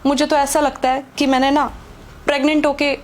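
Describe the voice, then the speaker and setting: A woman's voice: high voice, level tone, a little fast, close to an everyday voice. A woman acting a pregnant married woman secretly in love with another man, pleading and defensive. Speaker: actor. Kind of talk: Hindi web skit acting.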